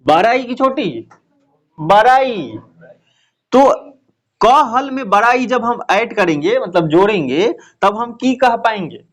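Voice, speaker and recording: A man teaching a Hindi grammar lesson, asking questions and answering them himself, with lots of repetition. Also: sits high. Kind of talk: classroom lesson explaining grammar.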